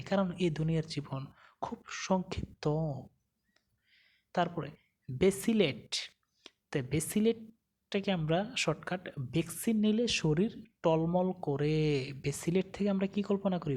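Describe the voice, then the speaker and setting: A woman's voice: lowish voice, a little mellow, husky. A woman teaching a vocabulary lesson, asking questions and answering them herself. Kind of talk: vocabulary lesson with memory tricks.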